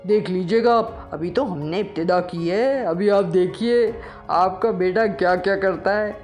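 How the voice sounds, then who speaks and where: Performer doing a boastful naive young man, comic audio story, mid pitch. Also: a little mellow, soft background music, natural voice. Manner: bragging, self-important.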